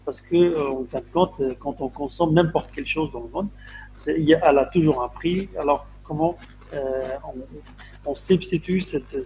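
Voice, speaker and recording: A man with a slightly raised voice leads an online panel over a video call. He talks in a halting way, with fillers and repeated words. The call audio is dull and lo-fi, with a faint hiss underneath. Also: a little high, warm tone. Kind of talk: hesitant conversational discussion.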